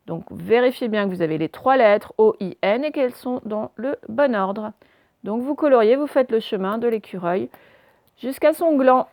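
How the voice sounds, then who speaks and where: A woman's voice: on the high side, a little mellow, no room sound. A woman teaching a phonics lesson to young children, patiently spelling out letters one by one.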